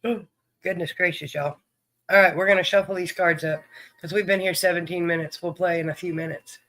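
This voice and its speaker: A man's voice: high voice, steady tone, a little fast, bright, forceful tone. A man hosting a livestream in casual chat, greeting viewers by name. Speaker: livestream host.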